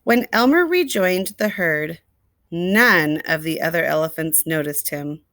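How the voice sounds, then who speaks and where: A woman storyteller reading a picture book expressively to young children, deliberately, with asides and questions to the listeners. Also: lowish voice, expressive, a bit bright, dry recording, studio quality. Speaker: read-aloud storyteller.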